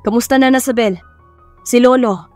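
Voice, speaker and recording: A woman's voice: a little high, steady tone, moderate pace, darkish tone, no echo, soft background music, lightly acted. A woman voicing a curt, short-tempered young rich man in an audio story. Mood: clipped. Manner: curt, irritated, mixes English phrases.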